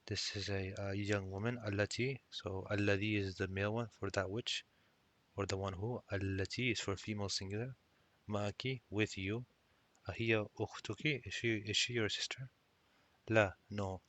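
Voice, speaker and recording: A man's voice: fairly low pitch, fairly bright tone. A man teaching a textbook Arabic lesson who reads each Arabic line, translates it, and explains the grammar patiently, often restarting his words. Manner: reads Arabic lines then translates them, with frequent restarts.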